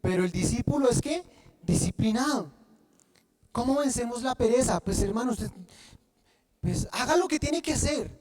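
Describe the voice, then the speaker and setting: A man preaching a sermon, often pausing to have the congregation fill in the word, and restarting phrases as he goes. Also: very high-pitched, lively intonation, a little mellow. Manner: asks the congregation to fill in words. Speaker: pastor.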